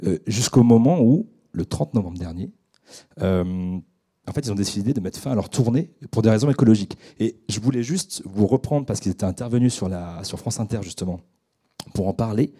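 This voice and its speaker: Young male radio host, dark mellow husky voice, hesitant and filler-heavy delivery. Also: fairly low pitch. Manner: halting, many fillers and restarts. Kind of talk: hesitant unscripted introduction. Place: radio studio.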